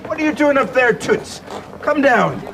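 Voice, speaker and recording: An actor playing a gentle travelling showman, kindly and devoted to his performing animals, in a film drama. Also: very high-pitched, animated, moderate pace, creaky, very noisy, full character voice. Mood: showy. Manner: kindly, chatting to animals as companions.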